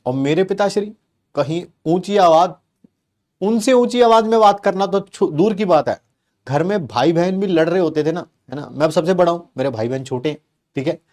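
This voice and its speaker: High-voiced teacher telling a funny story. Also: male voice, normal speed. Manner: animated and playful, teasing the class with rhetorical questions. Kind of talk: comic storytelling in a live class.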